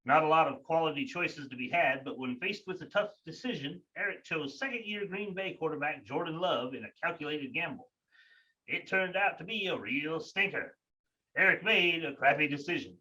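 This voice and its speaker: A man putting on a higher, mock-serious voice as a reporter broadcasting live from a sewer, with an echoing tunnel sound. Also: animated, normal speed, sharp tone, far from the mic. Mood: mock gloomy. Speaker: fantasy league commissioner.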